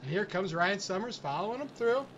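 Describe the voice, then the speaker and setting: A man's voice: high-pitched, lively intonation, brisk, noisy background. A man giving informal, blunt kart race commentary with salty banter as a co-commentator.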